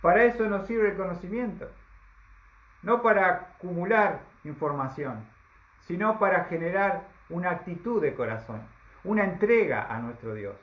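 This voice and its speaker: A high-pitched man preaches with emphasis, dragging out key phrases and tossing rhetorical questions to the congregation. His voice rings through a reverberant hall. The recording sounds dull and lo-fi. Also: expressive, moderate pace. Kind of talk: sermon.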